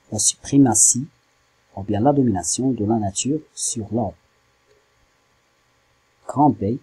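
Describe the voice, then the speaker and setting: Un homme, professeur de littérature, qui explique un poème lentement et en hésitant, en découpant les syllabes. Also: male voice, medium pitch, dark tone, husky, rough recording. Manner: slow, hesitant, spells out syllables. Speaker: French literature teacher. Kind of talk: slow classroom explanation.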